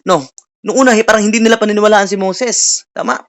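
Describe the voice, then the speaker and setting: A preacher giving a sermon, switching between Tagalog and English, often checking in with listeners through tag questions and reading scripture slowly before explaining it. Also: medium pitch, fairly bright tone.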